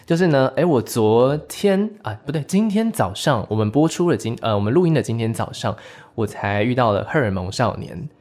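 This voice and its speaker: Casting: male music radio host, medium pitch, Taiwanese Mandarin accent, casual and talkative interviewer. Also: expressive, fairly quick, a little mellow.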